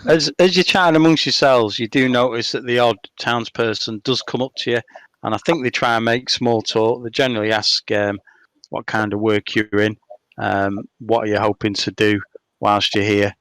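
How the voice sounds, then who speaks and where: A man runs a tabletop game as game master, narrating in a relaxed way with frequent ums. His voice is mid-pitched and recorded dry and close. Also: moderate pace, no echo.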